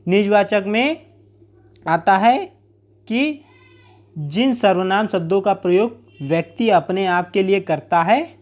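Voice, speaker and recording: A man's voice: high voice, slow, pauses often. A man teaching a grammar lesson, explaining plainly with everyday examples and repeating key points.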